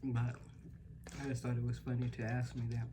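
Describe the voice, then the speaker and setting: A woman with a strikingly low voice tells a casual story in a chatty way. She livens up when quoting others. There is clear background noise in the homey recording. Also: completely flat delivery, fairly quick. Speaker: mukbang vlogger.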